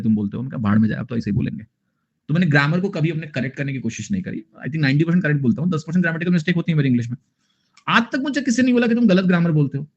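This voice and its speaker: A man's voice: a little high, muffled recording. A man in his thirties with an Indian accent, teaching an online math class in a chatty, joking way and slipping English phrases into his talk. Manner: chatty, jokey, mixes Hindi with English phrases.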